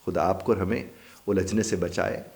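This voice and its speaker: A man teaching a spoken-English lesson, repeating each phrase and translating it in an unhurried, explanatory way. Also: low-pitched, gravelly, darkish tone.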